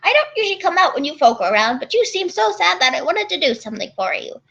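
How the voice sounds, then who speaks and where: A woman's voice: extremely high pitch, very animated, fast, creaky, a bit bright, dull audio, pitched above the performer's own voice, heavily acted. A woman voicing a tiny, cheerful, sly leprechaun man in a storybook tale, with a coaxing Irish lilt. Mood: sympathetic, sly.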